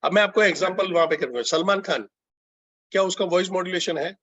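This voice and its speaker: A man's voice: high-pitched, fast, fairly bright tone, no echo. A man, a business consultant, giving a conversational training lecture to telecallers and putting questions to his audience. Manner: conversational, mixing Hindi and English, asks the audience questions. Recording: dull lo-fi sound, dry.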